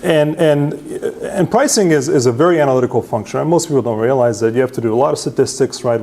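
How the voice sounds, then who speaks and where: A presenter at a user group meetup, from Serbia with Hungarian as his first language, gives a conference talk with slides. He's casual and self-deprecating, often tags his points with a quick "right?" and restarts sentences as he goes. His voice is mid-range, gravelly and warm.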